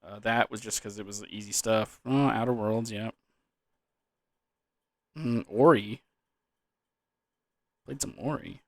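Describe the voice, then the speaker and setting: A man's voice: on the low side, a little slow, pauses often, darkish tone, dry recording. A young man in a loose, drunken, rambling casual chat about gaming, trailing off, repeating words and swearing casually. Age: young adult. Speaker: gaming vlogger.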